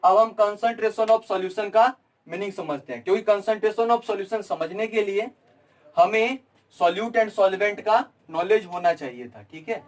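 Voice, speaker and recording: A man's voice: sits high, takes it slowly, recorded from a distance, rough recording. A young man teaching chemistry at a board, repeating his own questions and answering them. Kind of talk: classroom lecture at a board.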